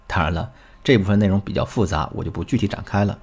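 A man as a relationship coach, giving a recorded lesson in an animated storytelling way. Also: lowish voice, fast, husky.

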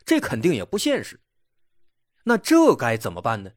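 A man's voice: mid-range voice, huge pitch swings, moderate pace, no room sound, studio quality. A man narrates true crime stories in a conversational, explanatory way, posing rhetorical questions.

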